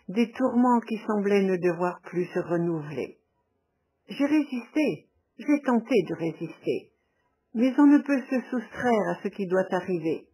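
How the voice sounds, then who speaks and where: Brief: a woman reading a tormented young man, halting, slow, breathy. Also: medium pitch, mellow, rough recording. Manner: strained, halting. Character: troubled young man confessing love.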